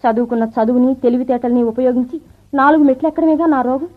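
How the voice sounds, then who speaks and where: A self-assured career wife in an old radio show, brisk and teasing in a slightly high voice. The sound is thin and narrow, like a vintage radio broadcast heard through a small speaker. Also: female voice. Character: confident career wife, a rising officer. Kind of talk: 1970s radio drama acting.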